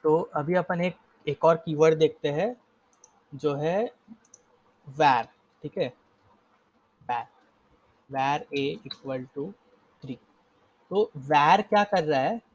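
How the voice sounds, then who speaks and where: Young male coding tutor, slightly high voice, casual step-by-step explainer, dull lo-fi call audio. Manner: casual, explains step by step, frequent self-corrections. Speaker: coding instructor. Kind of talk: live coding lesson.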